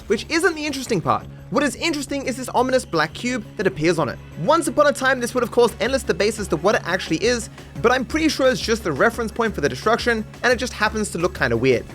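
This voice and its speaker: His voice is extremely high in pitch and fairly bright as he narrates scripted comedic commentary on a video game. The tone is dry, sarcastic and mock-serious, set against music under the voice.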